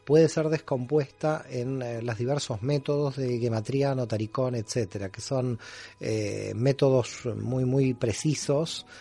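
A man's voice: medium pitch, fairly even intonation, a little slow, warm tone, no echo. A man answering as a guest scholar in a radio interview, formal and explanatory, with frequent fillers.

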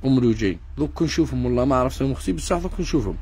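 A man with an Algerian Arabic accent giving a live sales pitch in his kitchenware shop, listing items and prices and addressing viewers as madam. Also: expressive, racing. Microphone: phone livestream. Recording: noisy shop with clattering dishes.

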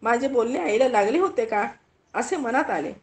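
A woman reading a literary story aloud in an expressive, measured way. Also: on the high side. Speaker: audiobook reader.

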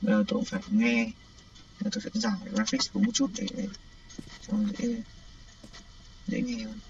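A man giving excited, panicky commentary on a game livestream, often repeating words when startled. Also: high-pitched, normal speed, vocal fry, distant mic, background noise. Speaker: gaming livestreamer. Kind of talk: live gameplay commentary. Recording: dull lo-fi sound with faint game music.

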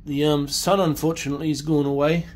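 A man's voice: on the high side, level tone, quick pace. A man, chatting casually on a home car restoration vlog, rambling with lots of ums and restarts, filmed on a phone held close in an open carport. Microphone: phone camera held close.

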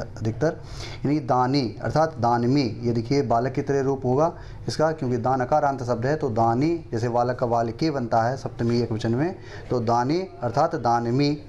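Man teaching verses, slow chanting. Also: mid-range voice, darkish tone, slight background noise. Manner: slow chanted recitation of verses between quick explanations. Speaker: Sanskrit teacher. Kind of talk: classroom lesson explaining verses.

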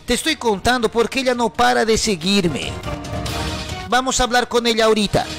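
A man's voice: very high-pitched, moderate pace. A man voicing a husband caught cheating, pleading hesitantly and stumbling over fillers. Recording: music playing behind.

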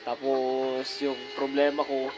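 A man talks casually to his viewers in a yard, stuffy from a cold and filling his sentences with the same little words again and again. His voice sits at an ordinary middle pitch. It is recorded on a phone outdoors with music playing underneath. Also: completely flat delivery, slow pace, poor audio. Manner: chatty, repeats filler words often, addresses viewers directly. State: has a cold. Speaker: vlogger showing his bird cage. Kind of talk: casual vlog walkthrough. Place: outdoors in a yard beside a large bird cage.

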